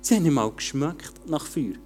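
A man preaching a casual, colloquial sermon, talking straight to the listener and swinging between loud urging and quiet intensity. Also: on the high side, animated, a little fast.

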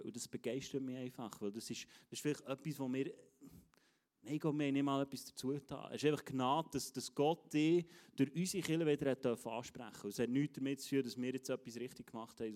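A man's voice: medium pitch, darkish tone. A man with a Swiss German accent preaching an enthusiastic sermon at a church service, speaking emphatically and straight to the congregation. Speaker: pastor.

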